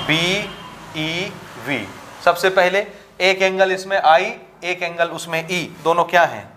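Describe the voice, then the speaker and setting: A man's voice: sits high, sharp tone, a little hiss or hum. A man teaching a school maths lesson step by step, often asking whether the students are following and switching into English for technical terms. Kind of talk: blackboard-style maths lesson.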